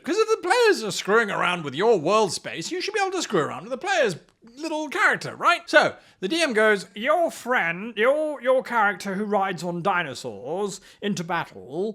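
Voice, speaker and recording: A man hosts a tabletop game-mastering show, giving a scripted explainer to camera in a high voice that sounds pushed and bright. He punches his points with exaggerated, theatrical emphasis.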